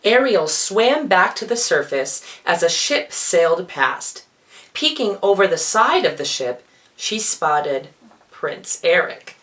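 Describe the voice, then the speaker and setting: Reading a children's storybook with theatrical flair, this drag performer and storyteller sounds feminine and tosses in playful asides. Her medium-pitched delivery is very animated yet slow, with a bit of brightness.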